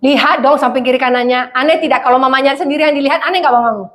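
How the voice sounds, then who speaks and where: A middle-aged woman pastor, preaching a lively conversational sermon and acting out voices. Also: high voice, racing. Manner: animated, acts out voices, laughs often.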